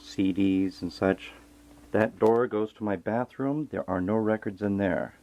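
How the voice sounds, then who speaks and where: Touring his home on video, a record collector narrates casually in a lowish, darkish, unhurried voice. He shows off his collection with wry, self-deprecating asides.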